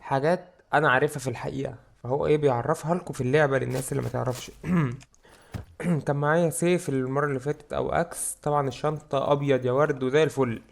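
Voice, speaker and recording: A young man with an Egyptian Arabic accent, giving excitable let's-play commentary and joking about how scared he is. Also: mid-range voice, quick pace, vocal fry. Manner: excitable, jokes about his own fear. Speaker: gaming YouTuber.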